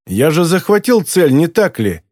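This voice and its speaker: A man's voice: on the high side, sing-song, moderate pace, a little mellow, no room sound, clean studio sound, voice pushed up. A man voicing a hot-tempered former soldier in an audiobook, talking in a defiant, blustering way. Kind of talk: audiobook character voice.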